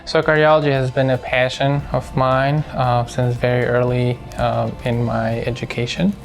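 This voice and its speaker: A man from Syria, a cardiologist speaking in a hospital profile interview, measured and halting with many fillers. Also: medium pitch, little pitch movement, gravelly, soft background music.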